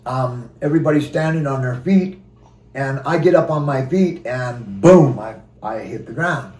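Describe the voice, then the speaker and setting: A man's voice: medium pitch, a little mellow. Man telling a story, distant and roomy. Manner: halting, recounts events with quoted dialogue. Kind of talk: personal storytelling. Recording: roomy sound from a distant mic.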